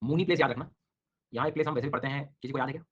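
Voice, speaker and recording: A man's voice: medium pitch, rapid-fire, slightly rough. A middle-aged male teacher giving an online exam-prep lecture, teasing his students with jokes while drilling names over and over. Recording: dull lo-fi online class audio.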